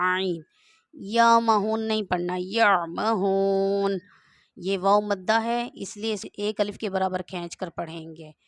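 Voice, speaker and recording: A woman's voice: mid-range voice, no room sound, clean studio sound. A woman teaching Quran reading, patiently spelling out each word letter by letter and repeating it. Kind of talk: slow step-by-step recitation lesson.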